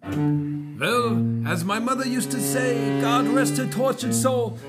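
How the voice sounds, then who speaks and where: A man's voice: very high-pitched, lively intonation, slow pace, over loud music, full character voice. A man voicing a wise but crotchety old physician who grumbles and speaks in folksy sayings. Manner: folksy, grumbling, hard of hearing.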